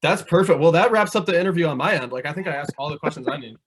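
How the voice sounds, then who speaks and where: A man with a Minnesota accent hosting a podcast over a video call, rambling and profane and quick to laugh. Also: fairly high pitch, animated, a bit bright, a little hiss or hum. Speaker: podcast host. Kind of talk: casual podcast chat.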